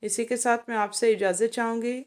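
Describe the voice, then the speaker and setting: A woman teaching a recorded Quran lesson to children, patiently explaining and stretching syllables out slowly. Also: a little high, fairly even intonation, a little mellow. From Pakistan.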